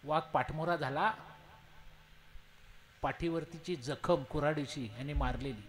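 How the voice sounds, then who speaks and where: A man preaching at a kirtan, telling a story in an animated way and punctuating it with frequent affirming interjections. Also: fairly high pitch, unhurried. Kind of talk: devotional storytelling sermon.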